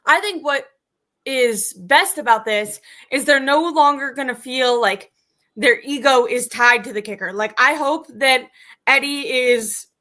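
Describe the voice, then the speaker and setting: A woman's voice: high-pitched, a little slow, bright, forceful tone. A woman hosting a casual live-streamed sports talk show, reading stats with lots of fillers. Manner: chatty, many fillers, reads stats aloud. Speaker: sports podcast host.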